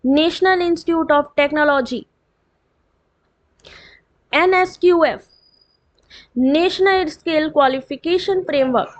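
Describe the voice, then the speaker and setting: A high-pitched woman teaches an online exam revision lesson, reading out full forms slowly and dropping in quick chatty asides to her students. Her throat sounds dry.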